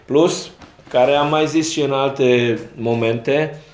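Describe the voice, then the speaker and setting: A man's voice: medium pitch, steady tone. A man speaking as a football coach at a post-match press conference, frank and self-critical. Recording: roomy echo.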